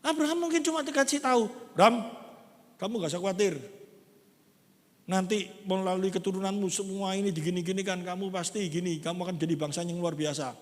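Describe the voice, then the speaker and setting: Pastor, high voice, animated conversational sermon in a reverberant church. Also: male voice, brisk. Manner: lively, conversational preaching with acted-out quotes. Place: large church hall. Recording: long church hall reverb.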